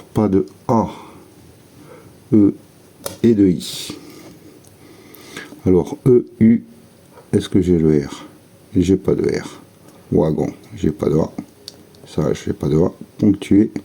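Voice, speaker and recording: A man's voice: deep voice, takes it slowly, creaky, pauses often, dark tone, husky. A man giving casual, methodical running commentary while scratching lottery tickets, murmuring letters and words to himself.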